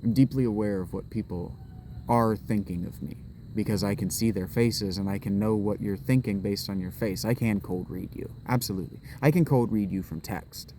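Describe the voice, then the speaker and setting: A vlogger's camera-in-hand walk through public space produces a rambling monologue in which he repeatedly restarts and drifts into thinking aloud. His voice sits on the low side with a dark tone, at normal speed. Slight background noise is present.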